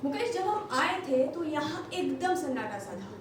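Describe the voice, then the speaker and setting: A woman's voice: high-pitched, big pitch swings, unhurried, background noise. An actress on stage playing a female TV field reporter who reports earnestly to the anchor. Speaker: stage actor. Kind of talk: stage play acting. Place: theatre stage. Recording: echoey hall, captured from far off.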